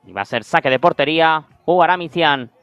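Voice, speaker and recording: Clear-voiced Spanish man commentating on football. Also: a little high, fairly quick, fairly bright tone, lo-fi sound. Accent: Spain Spanish. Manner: descriptive running commentary in short phrases. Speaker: sports commentator. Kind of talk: live beach football play-by-play commentary.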